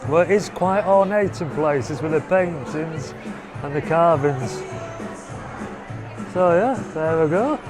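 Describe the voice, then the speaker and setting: A man with a slightly high, expressive voice talks slowly and pauses often, with music and a crowd audible behind him. Filming on a handheld camera for his family vlog, he gives a loose, chatty tour of a theatre's foyer and private box.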